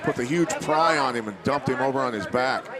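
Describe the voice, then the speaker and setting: Male fight analyst, average pitch, coach-like technical live commentary, roaring arena crowd behind. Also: brisk.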